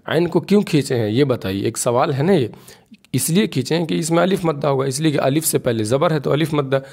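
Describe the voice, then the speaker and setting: Male teacher, middle pitch, drawls each syllable aloud, then hurries through the rules. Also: darkish tone. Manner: slow drawn-out spelling, then quick explanations. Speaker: Quran reading teacher. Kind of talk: spelling-out recitation lesson.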